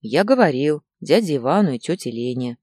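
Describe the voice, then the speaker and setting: A woman voicing a tired young man in a storybook, calm and subdued. The voice is low, dark and husky, close and dry. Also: brisk, dry recording.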